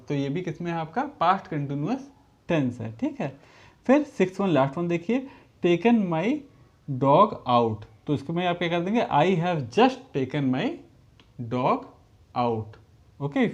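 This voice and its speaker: A man teaching a school lesson to children, patiently reading English sentences out word by word and repeating them. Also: on the high side. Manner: addresses the pupils as children. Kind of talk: recorded classroom lesson. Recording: dull lo-fi recording.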